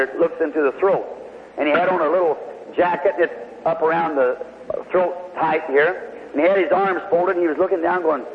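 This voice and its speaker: A man preaching to a congregation, telling a healing story in a folksy, homespun way. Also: a little high. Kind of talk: sermon testimony storytelling. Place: large hall before a congregation. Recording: tinny old hall recording with faint hiss.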